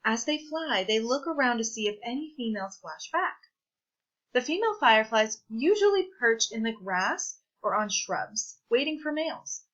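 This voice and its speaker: Reading a children's science book aloud, this presenter has a very bright, forward voice pitched a little high, with big pitch swings. She phrases things deliberately like a teacher, though the audio is somewhat dull and lo-fi.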